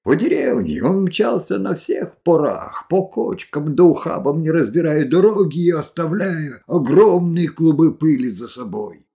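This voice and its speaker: A man reading a rustic story aloud in an expressive way, voicing each character himself. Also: a little high, unhurried, vocal fry, few pauses, breathy edge. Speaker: narrator.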